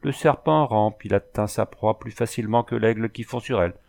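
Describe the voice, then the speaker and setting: A man's voice: fairly low pitch, fairly quick, creaky, a little mellow. A man voicing an old sorceress who speaks in solemn, cryptic riddles. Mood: oracular. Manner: solemn, oracular speech in riddles.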